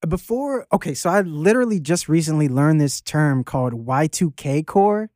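A man's voice: fairly high pitch, expressive, moderate pace, a little mellow, no echo, studio quality. A man around thirty, from Baltimore, a rapper chatting loosely in an interview with lots of fillers and restarts. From Baltimore, Maryland. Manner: loose and rambling, many fillers and restarts, swears casually. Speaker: guest rapper. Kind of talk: casual interview chat.

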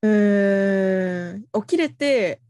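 A young woman in relaxed conversation, her voice close and dry with no room around it. She sits at an ordinary pitch for a woman, asking easy questions and chiming in readily. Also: clean tone, no room sound. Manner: frequent quick backchannel agreement, friendly questions. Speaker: conversation partner. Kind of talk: casual chat.

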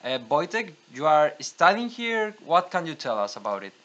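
A man's voice: fairly high pitch, big pitch swings, normal speed, fairly bright tone, highs cut off, slight background noise. A man hosts a casual podcast, introducing guests and asking questions in a conversational way. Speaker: podcast host.

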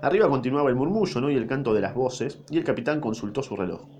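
A man's voice: medium pitch, animated, quick pace, darkish tone, a little hiss or hum. A man with a Rioplatense accent reading a story aloud, mixing in irreverent slangy asides. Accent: Rioplatense Spanish. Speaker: narrator.

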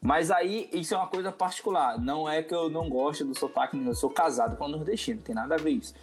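A man from Mato Grosso do Sul talking as a podcast guest, relaxed and rambling, repeating phrases and dropping in slang. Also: on the high side, fast talker, soft background music. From Mato Grosso do Sul, Brazil. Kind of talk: casual podcast interview.

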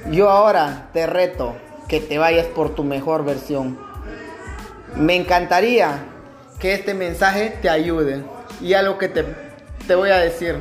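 A man delivering a motivational speech in an emphatic, exhortative manner, in short phrases with deliberate pauses. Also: on the high side, reverberant. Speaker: motivational speaker. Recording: music behind the voice. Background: background music.

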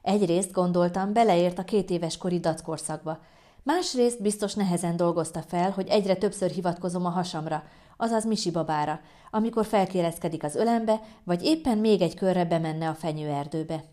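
Audiobook narrator: woman, calm even delivery, lowish mellow voice.

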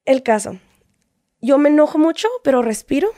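A woman with a Mexican accent, a guest telling a personal story in casual chat, animated and often acting out what people said. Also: sits high, moderate pace, no echo, studio quality. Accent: Mexican Spanish. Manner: animated, acts out quoted exchanges, frequent tag questions.

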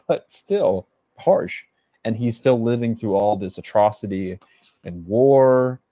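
Warm, expressive and on the low side, this man's voice moves slowly as he co-hosts a casual podcast on music analysis, thinking aloud, hedging and restarting. It's a dry, muffled recording.

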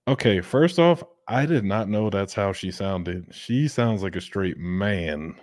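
A man hosting a podcast in casual commentary, blunt and profane, breaking into loud laughter. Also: on the low side, expressive, measured pace, no room sound, clean studio sound. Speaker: podcast host.

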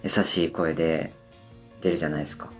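A man in his twenties talks alone as if hosting his own radio show, rambling and hesitant, with constant fillers. His voice sits low, though he keeps straining to lift it higher than usual. Soft music plays faintly underneath. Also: little pitch movement, fairly quick. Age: 20s. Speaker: band member hosting a solo radio talk. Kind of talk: casual solo radio monologue.

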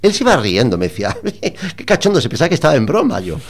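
A man's voice: medium pitch, fast, husky. Guy from spain ranting funny about a diet, voice bouncing all over, laughing as he goes. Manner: animated, mock-indignant anecdote telling with laughs. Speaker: podcast host. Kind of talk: casual comic storytelling.

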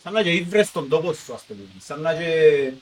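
A Cypriot man with a fairly high voice hosts a relaxed podcast. He keeps the talk moving with probing, friendly questions. A faint noise sits under the recording. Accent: Cypriot Greek. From Akaki, Cyprus. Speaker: podcast host. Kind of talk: casual podcast interview.

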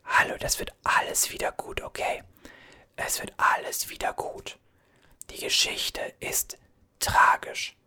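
A man's voice: slow pace, bright, forceful tone. A man whispering as a chatty, soothing gas station cashier in an ASMR roleplay, reassuring and rambling.

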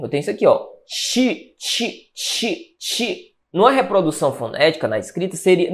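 A man from Brazil, teaching Portuguese grammar for an exam and checking in with quick questions. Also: sits high. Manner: energetic, with catchphrases and question-answer checks. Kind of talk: exam-prep lesson.

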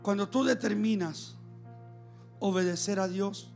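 High, gravelly-voiced man preaching a fervent sermon. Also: measured pace, darkish tone, faint music behind. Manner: fervent preaching, calls out to the congregation. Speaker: pastor. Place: church service.

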